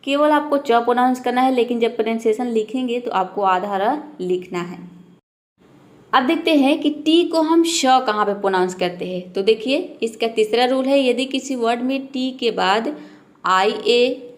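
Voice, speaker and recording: A woman walks beginners through English spelling and sound rules, one example word at a time. Her voice sits a little high, and she keeps circling back to ask the viewer what comes next, repeating each point patiently. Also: moderate pace. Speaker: English teacher. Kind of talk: step-by-step pronunciation lesson.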